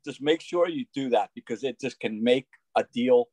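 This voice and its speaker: A man in his sixties, a roofing salesman, chatting as a guest in a video-call interview in an upbeat, energetic way, with lots of "you know" fillers. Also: mid-range voice, normal speed, no room sound, low-quality recording. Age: 60s. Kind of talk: casual interview chat.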